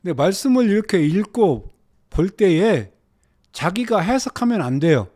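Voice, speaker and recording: A man teaching a Bible lesson, dropping to hushed low phrases and then rising into urgent exhortation, with Hebrew words read out slowly. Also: big pitch swings. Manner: slow, drawn-out reading of Hebrew words.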